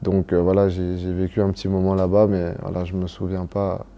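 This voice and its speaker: Soft-spoken young man, dark muffled tone. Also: sits low, completely flat delivery, brisk. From Cameroon, raised in Belgium. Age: young adult. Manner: hesitant, many fillers and restarts. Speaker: footballer being interviewed. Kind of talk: casual interview answers.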